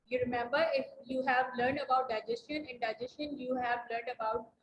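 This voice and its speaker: A woman with a high voice gives a biology lesson over a video call, repeating each definition patiently for her students. She sounds echoey in the room, with faint noise behind her. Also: steady tone, brisk, highs cut off. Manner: patient, repeats key points, addresses students as "beta". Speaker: biology teacher. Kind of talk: online class lecture.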